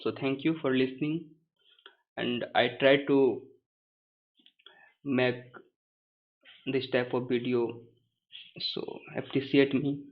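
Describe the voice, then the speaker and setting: A man with a thick Hindi accent gives an informal lesson in hesitant, halting English, often repeating words and phrases. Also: mid-range voice, fairly even intonation, dull audio. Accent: thick Indian (Hindi). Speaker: first-time tutorial presenter.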